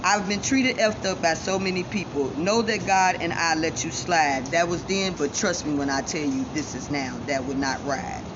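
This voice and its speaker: A woman's voice: deep voice, moderate pace, hardly any pauses. A woman from giving a defiant, self-assured personal monologue straight to viewers, her speech shaped by missing front teeth. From Chicago, United States. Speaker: vlogger. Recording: dull lo-fi sound, loud ambient noise.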